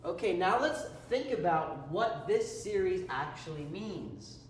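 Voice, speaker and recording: A man walks through a calculus problem in a loose, talkative lesson, his pitch bouncing up and down as he goes. He trips over himself and adds jokey asides. The recording sounds roomy, with a faint hum of background noise. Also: lively intonation, unhurried. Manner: chatty, self-interrupting, playful asides. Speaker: math tutor. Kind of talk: casual whiteboard lesson.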